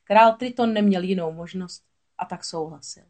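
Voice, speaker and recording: A woman narrating a children's storybook aloud in a steady, expressive voice. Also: fairly low pitch.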